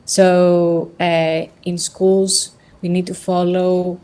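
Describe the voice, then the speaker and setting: Earnest Greek-raised woman, mellow low voice. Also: little pitch movement, very slow. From Greece. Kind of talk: panel discussion.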